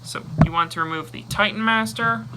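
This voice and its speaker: A man talking casually through a toy review, describing each step as he handles the toy and pausing or muttering now and then. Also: sits high, heavy background noise.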